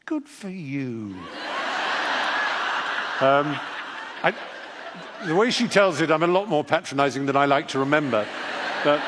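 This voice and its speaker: An older man spins a rambling, self-deprecating anecdote for a live audience, his voice rising and falling with lively swings in pitch. The tone is a little husky, and he keeps stopping and restarting his sentences as he goes. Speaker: actor and audiobook narrator.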